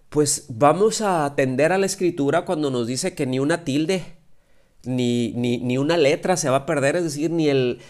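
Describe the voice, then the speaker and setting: A man teaching a church Bible study lesson over a video call, hesitant, with many fillers and restarts, checking in with listeners often. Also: a little high.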